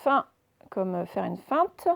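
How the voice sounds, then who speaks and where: A woman teaching a phonics reading lesson, sounding out letters slowly and deliberately and putting questions to her young listeners. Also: medium pitch, lively intonation, gravelly.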